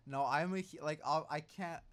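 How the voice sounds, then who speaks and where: A young man interviews a guest in a relaxed chat. His speech is halting and full of "like." He keeps stopping and restarting his sentences. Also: a little high, clear, resonant tone. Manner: halting, frequent "like" and "mm-hmm". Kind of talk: casual interview.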